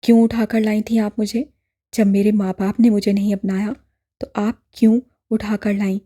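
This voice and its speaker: Woman doing a distraught young man, desperate pleading, husky dark voice. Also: mid-range voice, level tone, moderate pace, close to an everyday voice. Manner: pleading, then shouting in despair.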